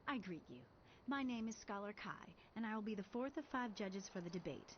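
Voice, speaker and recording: A woman's voice: medium pitch, lively intonation, fairly quick, a little hiss or hum, natural voice. A woman voicing a stern imperial scholar judge who speaks formally and coldly. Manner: formal, cold, dismissive. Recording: dull lo-fi game audio.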